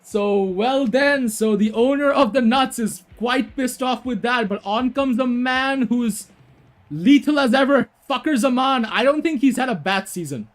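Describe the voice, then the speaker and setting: A young man with a notably high voice talks through a cricket video game match in a loose, chatty way. He fills gaps with "you know" and "like" and breaks into laughter easily. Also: a little slow, faint music behind. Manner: chatty, laughs often, fillers. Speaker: commentator. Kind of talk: casual gaming cricket commentary.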